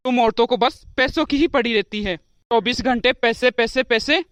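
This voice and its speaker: A woman's voice: on the high side, moderate pace, a bit bright, no room sound, lightly acted. A woman voicing a grumbling young husband in a cartoon, who scolds his wife with exasperation. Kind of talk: cartoon voice acting.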